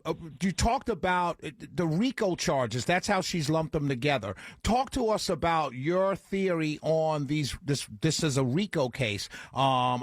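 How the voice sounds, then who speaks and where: A man from the United States hosting a radio interview, asking questions in a courteous, deliberate, halting way. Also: a little high, dry recording, clean studio sound. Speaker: radio show host.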